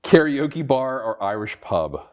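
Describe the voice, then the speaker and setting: A man hosting a lightning round, teasing his guest as he runs through rapid questions. His pitch swings up and down a lot as he talks. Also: big pitch swings. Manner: playful, teasing, laughs often. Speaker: interview host.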